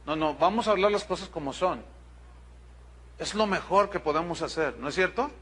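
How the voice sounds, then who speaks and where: A man's voice: fairly high pitch, normal speed, a bit bright, breathy edge. A man with a Mexican accent, a pastor preaching a sermon to his congregation, telling a story bluntly with asides to the listeners. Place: church congregation.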